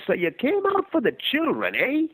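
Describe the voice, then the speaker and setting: A man voicing a gruff old homeless Canadian man with a raspy, smoker's voice, speaking in blunt, curt questions. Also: very high voice, wildly swooping pitch, moderate pace, fairly bright tone, voice pushed up, full character voice, poor audio. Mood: wry.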